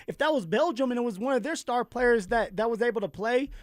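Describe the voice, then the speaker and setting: A man's voice: extremely high pitch, expressive, fast, dry recording, studio quality. Blunt man co-hosting sports radio. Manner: blunt, repeats words, plainspoken opinions. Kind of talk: sports talk radio debate. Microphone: studio microphone.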